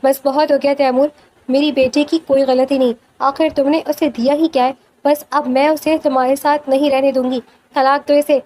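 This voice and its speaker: A woman's voice: high voice, little pitch movement, a little mellow, close to an everyday voice. A woman reading the part of a scheming older aunt who angrily makes demands in a storybook romance. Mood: angry. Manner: angry, demanding.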